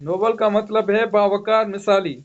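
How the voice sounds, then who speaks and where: A man runs an online vocabulary class at a slow, patient pace, spelling out each word letter by letter. His voice sits high, and the sound is dull and lo-fi. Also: steady tone, a little hiss or hum. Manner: spells words letter by letter, repeats "okay" often. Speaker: English teacher.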